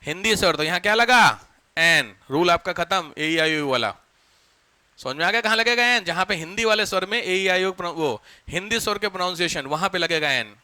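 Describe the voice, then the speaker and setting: Brisk, bright-voiced male lecturer. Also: high voice, lively intonation, no room sound. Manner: quizzing students with quick questions and answering them himself. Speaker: teacher. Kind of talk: classroom lecture.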